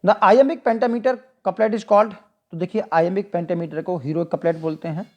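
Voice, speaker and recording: A teacher with an Indian accent explaining exam questions. The teacher reads each English question slowly, asks it back to the listener and then answers it. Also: medium pitch, fairly even intonation, lo-fi sound. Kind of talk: explaining multiple-choice questions.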